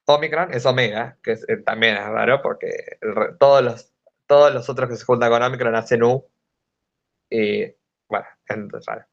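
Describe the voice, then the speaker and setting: A man's voice: mid-range voice, moderate pace, vocal fry. Hesitant young Rioplatense man tutoring. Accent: Rioplatense Spanish. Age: young adult. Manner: hesitant, many fillers, explains step by step. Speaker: student tutor. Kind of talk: informal study-group lesson. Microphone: video call. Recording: dull lo-fi online call audio.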